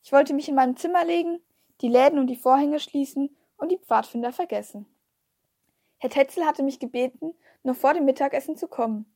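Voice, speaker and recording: A woman narrates a storybook aloud with a high, light voice. She reads in a steady, expressive way. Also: a little fast. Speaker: audiobook reader. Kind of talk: scripted narration.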